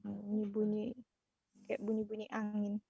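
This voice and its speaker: A woman's voice: medium pitch, completely flat delivery, a little slow, gravelly, warm tone. Give me a woman teaching an online class who keeps asking her students questions. Her voice comes through a bad, choppy video-call connection that keeps breaking up. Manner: questioning, coaxing answers from students. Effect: choppy breaking-up video call audio. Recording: dull, lo-fi video call audio.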